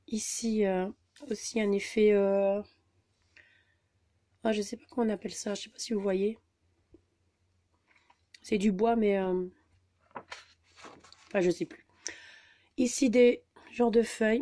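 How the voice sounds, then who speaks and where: Woman vlogger, mellow and warm, chatty and halting, recorded on a camera mic at her table. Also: medium pitch. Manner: chatty, hesitant, many fillers. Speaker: scrapbooking vlogger. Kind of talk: casual haul video.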